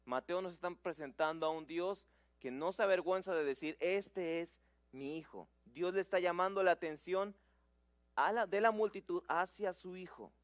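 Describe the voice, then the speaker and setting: Slightly hoarse male preacher. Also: sits high, normal speed, no echo. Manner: animated, acts out Bible quotes. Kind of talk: sermon.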